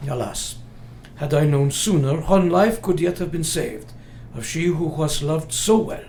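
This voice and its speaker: An actor playing an old foreign professor and vampire hunter in a radio play, speaking with grave, formal, halting earnestness. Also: male voice, fairly high pitch, darkish tone. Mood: grave, resolute. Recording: roomy, faint background noise.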